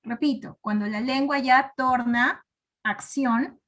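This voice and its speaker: A woman's voice: high voice, slow, a bit bright. A woman teacher giving a patient classroom explanation, often stopping to check that her students follow. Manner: patient, checks understanding with frequent tag questions.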